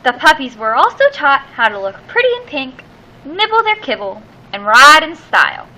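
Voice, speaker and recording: Animated, high-voiced woman reading a storybook. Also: slight background noise, poor audio. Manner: theatrical, drawn-out emphasis on key words. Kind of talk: expressive children's storybook read-aloud.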